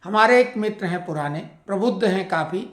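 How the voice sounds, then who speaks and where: A woman hosts an informal news commentary, explaining at length and speaking directly to her viewers. Her voice sits at a middle pitch. The room around her gives a noticeable echo. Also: expressive, brisk. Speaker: channel host speaking to pensioners. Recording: echoey room.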